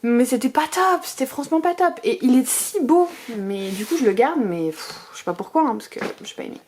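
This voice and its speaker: A woman's voice: high voice, lively intonation, a little fast, a little mellow, slight background noise. A woman in her thirties chatting casually as a book vlogger, gushing and rambling with fillers and restarts. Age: 30s. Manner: chatty and gushing, piles up superlatives. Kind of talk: casual bookshelf tour chat.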